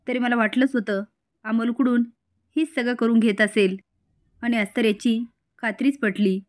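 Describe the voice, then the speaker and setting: A woman's voice: on the high side, fairly even intonation, normal speed, close to an everyday voice. A woman doing a jealous scolding fiancée. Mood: scornful. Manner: scolding, accusing. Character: jealous young fiancée, sharp and accusing.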